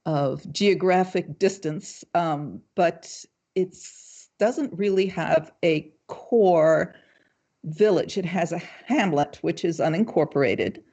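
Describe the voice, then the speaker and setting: An older woman answering interview questions in a measured, thoughtful way, pausing often with ums. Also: on the low side, dark tone, lo-fi sound. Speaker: guest, local party committee chair. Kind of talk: casual livestream interview.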